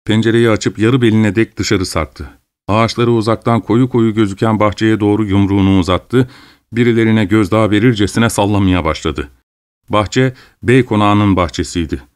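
A man narrating a story in a steady, measured audiobook reading. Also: fairly low pitch, clean tone, dry recording, clean studio sound.

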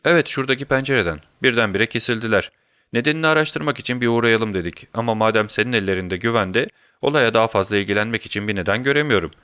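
A man voicing a sharp, eager middle-aged male detective who talks in quick, incisive bursts. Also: on the low side, clear, resonant tone, no echo, studio quality. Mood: brisk.

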